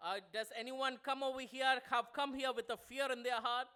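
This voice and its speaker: A man with a Malayalam accent interpreting a sermon into English. He pauses a lot, says "uh" often and keeps adding "over there". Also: very high-pitched, flat delivery, sharp tone, clean tone.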